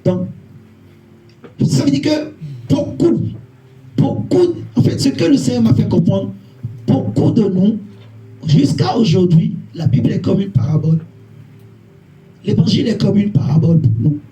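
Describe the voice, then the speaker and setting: Evangelist man, sermon: very high, warm voice, repetitive, questions the congregation, roomy echo and faint music behind. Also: moderate pace, pauses often. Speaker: evangelist preacher. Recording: echoey church hall, faint music.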